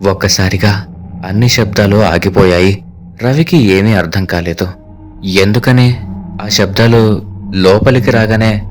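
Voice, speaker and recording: A man with a low voice narrates a spooky tale. He tells it steadily, building suspense line by line. Faint music plays beneath his voice. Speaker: storyteller. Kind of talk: scripted horror narration.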